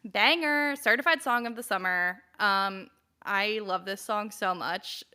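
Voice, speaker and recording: A woman's voice: mid-range voice, measured pace, bright, forceful tone, smooth. A young woman co-hosting a podcast, chatting casually with lots of fillers and acted-out quotes. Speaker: podcast co-host. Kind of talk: casual chat recap.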